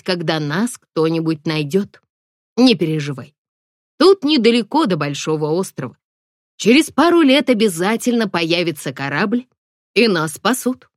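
A woman voicing a calm, dryly mocking young man from an audiobook romance, in a slightly lowered voice. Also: no room sound, studio quality.

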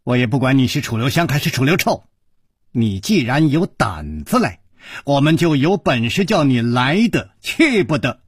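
A man's voice: medium pitch, big pitch swings, moderate pace, slightly rough, no echo, studio quality, pitched below the performer's own voice. A male storyteller voicing a fierce young mistress of a manor who speaks sharply and sternly.

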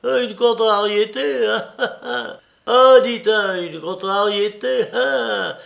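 A man's voice: high-pitched, takes it slowly, gravelly, a bit bright, voice pushed up, exaggerated voice. A man voicing a fussy old male office clerk who nags and repeats himself. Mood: nagging. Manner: nagging, repeating himself in a litany.

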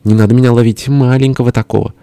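A man voicing a small, whiny, squealing old male ruler in an audiobook, shrill and pleading. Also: steady tone, fast, mellow, no echo, close to an everyday voice. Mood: whining. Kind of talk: audiobook character voice.

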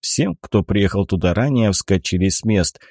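A man reading an adventure audiobook in an even storytelling manner. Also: deep voice, moderate pace, breathy edge, dry recording, studio quality. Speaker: audiobook narrator. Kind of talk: scripted narration.

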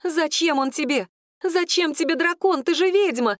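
A woman's voice: normal speed, no room sound, clean studio sound. A woman reading an audiobook, voicing a jealous, accusing young serving girl. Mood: angry. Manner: accusing, shrill and tearful. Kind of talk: audiobook character voice.

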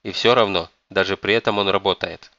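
A man's voice: sits low, fairly even intonation, brisk, bright, forceful tone, no room sound, dull audio. A man voicing a stern, domineering elderly grandmother who scolds and commands. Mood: scolding.

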